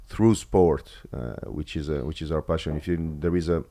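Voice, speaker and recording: A man with an Albanian accent, a former footballer from Kosovo, talking as a guest in a casual interview, halting with many fillers and restarts. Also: rumbling low, warm tone.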